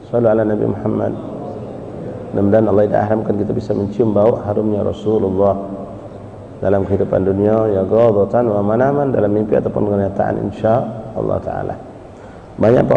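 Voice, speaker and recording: A man's voice: fairly low pitch, gravelly, a little hiss or hum. A man preaching in a mosque and telling stories animatedly, often calling out to the congregation. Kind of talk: sermon storytelling. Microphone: live-stream microphone. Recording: echoey lo-fi mosque hall.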